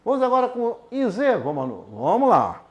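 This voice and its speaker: A man's voice: very high-pitched, huge pitch swings, highs cut off. A man teaching an adult literacy lesson at a board, explaining patiently and checking in with the class. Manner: patient, explains slowly with checks like "tudo bem?".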